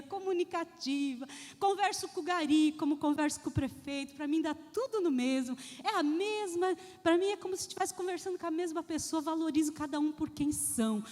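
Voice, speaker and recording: A woman pastor giving a lively sermon. She speaks straight to the congregation and acts out the voices in her stories. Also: sits high. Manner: addresses the congregation directly. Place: church. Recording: long church hall reverb.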